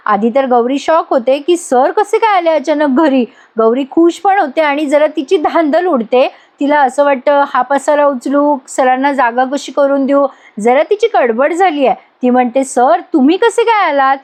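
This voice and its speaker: A woman's voice: sits high, darkish tone. A woman narrating a voice-over recap of a TV serial in a storytelling manner.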